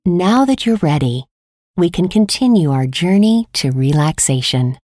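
A woman guides listeners through a relaxation exercise, speaking slowly and soothingly. Her voice is mellow and a little low, with soft music playing behind her. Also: no room sound, studio quality. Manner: slow, calm, soothing instructions. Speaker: meditation guide. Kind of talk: scripted guided meditation.

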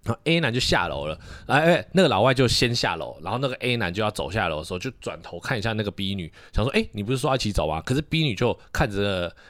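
Young male podcast host, brisk storyteller, fairly low voice, dry close sound. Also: big pitch swings, fairly bright tone, no room sound. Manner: storytelling, acting out quoted dialogue. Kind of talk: casual chat.

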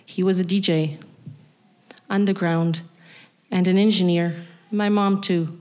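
A middle-aged woman from East Berlin with a German accent, speaking a deliberate spoken-word monologue addressed straight to the listener. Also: lowish voice, fairly even intonation, mellow.

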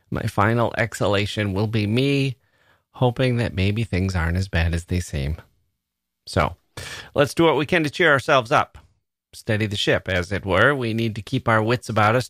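A podcast host with a fairly low, fairly bright voice speaks to his listeners in a dry, studio-quality recording. His reflective monologue is earnest and musing, and he repeats words for emphasis.

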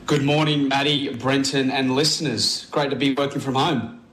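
A man's voice: mid-range voice, fairly even intonation, moderate pace, a bit bright. An Australian man co-hosting a radio show from his living room over Bluetooth earbuds. He chats casually and earnestly, often restarting his phrases, and his voice comes through muffled as if underwater. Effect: Bluetooth earbud mic, sounds underwater. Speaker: radio co-host. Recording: echoey, muffled earbud line with faint noise.

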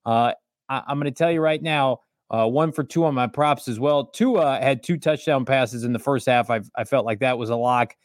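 A man co-hosting a sports betting show, wry and easygoing, with many filler pauses as he recaps his bets. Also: mid-range voice, dry recording, clean studio sound. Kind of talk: casual sports betting chat.

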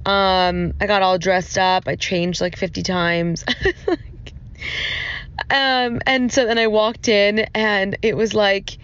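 A woman's voice: mid-range voice, steady tone, slow pace, a bit bright, smooth. A woman hosting a podcast in casual, rambling chat, recorded on her phone's voice recorder. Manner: rambling, chatty, many fillers. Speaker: podcast host. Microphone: phone voice recorder app. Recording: dull lo-fi phone voice memo with faint noise.

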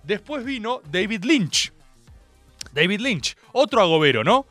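A young man with an Argentine accent hosting a radio show, rambling through stories in an animated, jokey way. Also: high voice, unhurried, no room sound, faint music behind. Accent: Argentine Spanish. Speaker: radio host. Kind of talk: casual radio monologue.

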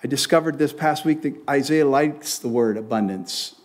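Expressive preaching pastor, man. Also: mid-range voice, moderate pace. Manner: expressive preaching, rising loud on scripture readings; leads the congregation in call-and-response reading. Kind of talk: sermon. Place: church sanctuary.

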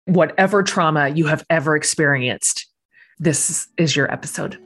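A woman's voice: sits low, moderate pace, a bit bright, husky. A middle-aged woman hosting a podcast interview, talking earnestly and with effusive praise. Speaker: podcast host.

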